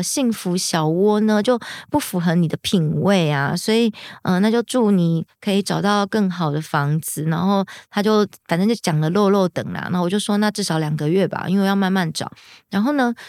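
A young woman tells a story to her podcast listeners in a casual, animated way. Her voice sits a little low, and the recording is dry and close with no room sound. She acts out the people she quotes in lively voices. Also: no room sound. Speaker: podcast host.

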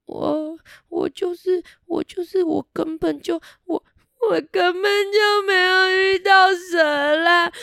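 A woman's voice: very high-pitched, steady tone, slow pace, a little mellow, no room sound, studio quality, pitched above the performer's own voice, full character voice. A woman voicing a timid, boastful young male beetle who stammers and whimpers. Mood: sobbing.

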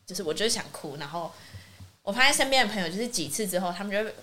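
A woman co-hosting a casual podcast chat, telling a lively story and acting out what her friends said. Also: mid-range voice, very fast. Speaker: podcast co-host. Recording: faint hiss.

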